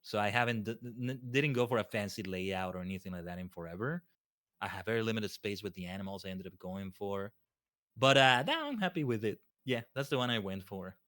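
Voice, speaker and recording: A man's voice: on the low side, animated, a little fast, fairly bright tone. A man chatting casually as a guest on a livestream, rambling and often repeating his phrases. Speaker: guest streamer.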